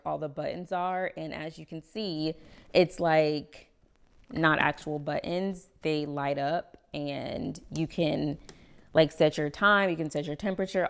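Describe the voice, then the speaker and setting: A young woman reviews home products in a relaxed, chatty way, calling her viewers "girl" and "y'all". She sounds slightly out of breath, and her voice is low and smooth with some vocal fry at the ends of phrases. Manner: chatty, says "y'all" and "girl", laughs often. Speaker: home vlogger. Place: home kitchen indoors.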